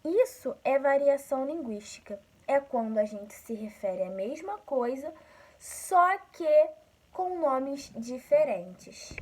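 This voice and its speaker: A woman from Rio de Janeiro with a Carioca accent, teaching a school lesson slowly and patiently, often checking in with her listeners. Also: high-pitched, animated, darkish tone, poor audio. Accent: Carioca Brazilian Portuguese. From Rio de Janeiro, Brazil.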